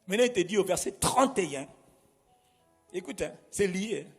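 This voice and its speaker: A man's voice: high voice, expressive, moderate pace, husky, big-room sound, soft background music. A man preaching a sermon. He preaches emphatically, asking the congregation to repeat words after him. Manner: emphatic, call-and-response preaching. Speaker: pastor.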